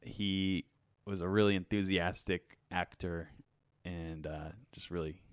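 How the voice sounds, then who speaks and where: Joking low-voiced man on a podcast. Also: steady tone, measured pace, smooth, no room sound, studio quality. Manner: joking, playful banter. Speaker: podcast co-host. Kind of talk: casual chat. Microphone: studio microphone.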